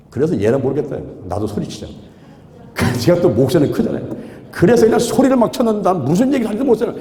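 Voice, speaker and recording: A man in his sixties preaching, telling his story with lively, exclamatory repeats. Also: a little high. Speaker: pastor. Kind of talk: sermon testimony. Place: large hall at a prayer retreat. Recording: echoey hall with long reverb.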